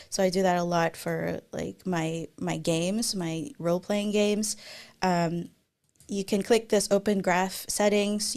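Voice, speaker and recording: Over a webcam video call from an indoor room, a woman in her thirties who speaks Tagalog natively answers audience questions as a guest speaker in a live Q&A. Her voice is lowish and a little mellow, and she keeps things casual and chatty with plenty of fillers and restarts.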